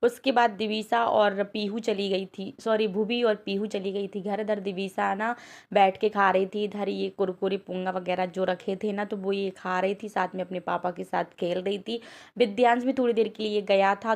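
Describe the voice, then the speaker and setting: A woman in her thirties narrating her family day in a chatty, homely way. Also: mid-range voice. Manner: chatty, homely, talks to kids in a sing-song voice. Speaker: vlogger, homemaker. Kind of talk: casual vlog narration.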